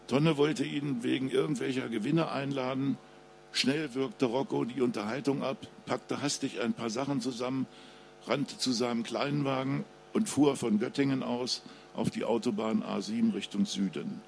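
A man's voice: medium pitch, a little slow, creaky, slight background noise. A man, an author, chatting briefly with a live audience and then reading his crime novel aloud. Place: public book reading with audience.

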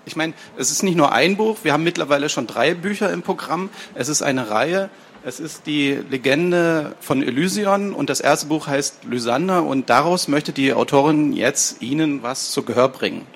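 A man's voice: a little high, moderate pace, a little hiss or hum. Hesitant man hosting a book reading. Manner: hesitant, with fillers and laughs. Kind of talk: live event introduction. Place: reading event before an audience.

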